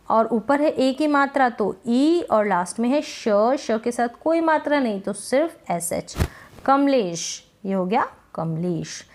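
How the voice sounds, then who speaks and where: A woman giving a spelling lesson, spelling letter by letter and repeating each answer as a drill. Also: a little high. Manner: slow and deliberate. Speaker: teacher.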